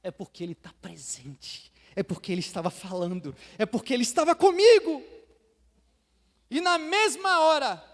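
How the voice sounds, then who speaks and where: A Brazilian pastor from Bahia preaching a sermon, swinging from hushed asides to loud proclamations and acting out believers for laughs. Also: male voice, very high-pitched, expressive, normal speed. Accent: Brazilian Portuguese, Bahia. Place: church sanctuary. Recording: long hall reverb.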